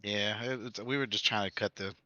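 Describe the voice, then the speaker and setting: Deep-voiced male driver, dull lo-fi mic. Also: steady tone, pushed and bright, dry recording. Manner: halting, filler-heavy answers. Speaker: race driver. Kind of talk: post-race interview.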